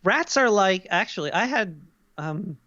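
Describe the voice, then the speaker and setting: A man's voice: high voice, lively intonation, a little slow, pushed and bright, no echo, highs cut off, exaggerated voice. A man voicing an easygoing, paranoid cartoon rat, rambling and joking through a casual interview with stammering starts. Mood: chatty. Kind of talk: casual comic interview in character.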